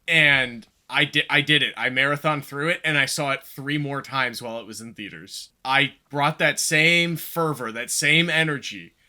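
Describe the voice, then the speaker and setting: Male co-host, keyed-up movie fan, bright ringing tone, casual and profane. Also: mid-range voice, moderate pace, few pauses. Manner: excitable, swearing, many restarts and fillers. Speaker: podcast co-host. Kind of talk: casual movie review chat.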